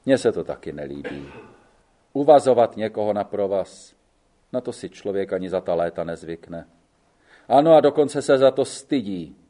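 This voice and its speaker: A man's voice: lowish voice, sing-song, dark tone. A man reading the part of an old gendarme in an audiobook, speaking bluntly and in a fatherly way. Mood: grave. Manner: blunt, fatherly, calls the other man boy. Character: gruff old male gendarme, weary, blunt.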